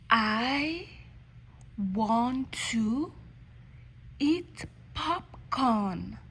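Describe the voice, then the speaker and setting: Very slow school dictation by a higher-voiced woman. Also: fairly bright tone, slight background noise. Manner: reads a word or short phrase at a time with long pauses, announcing punctuation. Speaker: English dictation teacher.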